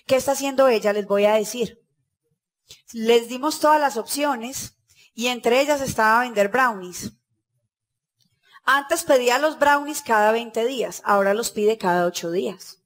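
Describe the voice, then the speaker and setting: A woman with a high, bright-pitched voice speaks to a conference audience. She gives a motivational talk in a lively storytelling manner and acts out the dialogue.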